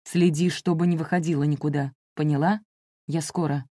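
A woman's voice: low-pitched, fairly even intonation, moderate pace, dry recording, studio quality. A woman voicing a frightened, furious middle-aged father who barks harsh orders at his family. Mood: angry barking. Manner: barking, harsh shouting.

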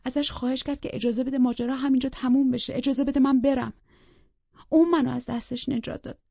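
A woman's voice: high voice, steady tone, creaky, warm tone, dry recording, lo-fi sound. A woman reading a psychological thriller aloud as a first-person audiobook narrator, in a tense, intimate way that sometimes drops to a whisper.

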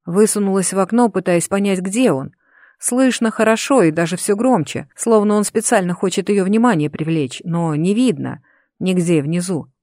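Audiobook narrator, fantasy novel, expressive, middle pitch, dry close recording. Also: moderate pace, no echo.

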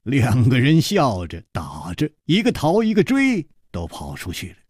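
A man reading a novel aloud for a radio story broadcast, expressive and performing every voice. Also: medium pitch, normal speed, slightly rough, no echo, studio quality.

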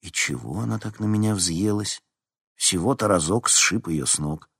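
A man's voice: deep voice, moderate pace, vocal fry, a bit bright, slightly rough, no echo, clean studio sound, full character voice. A man voicing a grumbling, aggrieved teenage schoolboy in a storybook reading.

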